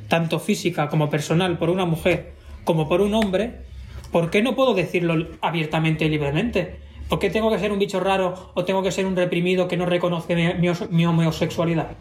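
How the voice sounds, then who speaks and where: A man's voice: high-pitched, fairly even intonation, brisk, a little mellow. A man with a Spanish accent talking in a casual conversation, emphatic and given to repeating himself for stress. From Spain.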